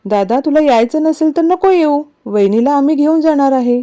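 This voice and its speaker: A woman voicing an excitable young sister who gets huffy with her brother. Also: high-pitched, moderate pace, pitched above the performer's own voice. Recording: dull lo-fi recording.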